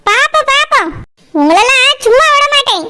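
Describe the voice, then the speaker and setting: Shrill scolding mother-in-law. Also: sing-song, normal speed, bright, forceful tone, heavily acted. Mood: indignant. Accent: Kanyakumari Tamil. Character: indignant middle-aged woman, mother of the groom. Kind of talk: cartoon voice acting.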